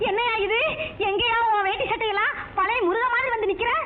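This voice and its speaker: A woman's voice: very high-pitched, fairly even intonation, fast. An actress playing a fed-up working-class wife in a film comedy, scolding her husband in exasperation. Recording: tinny lo-fi film audio with faint hiss.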